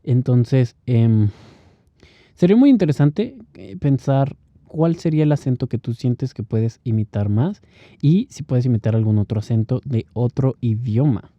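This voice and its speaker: A man hosts a podcast alone, thinking aloud in a loose, easygoing way and laughing between points. His voice sits at an ordinary middle pitch. The recording is dry and a little muffled, with a lo-fi edge. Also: lively intonation, a little slow, no echo. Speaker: podcast host. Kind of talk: solo podcast monologue.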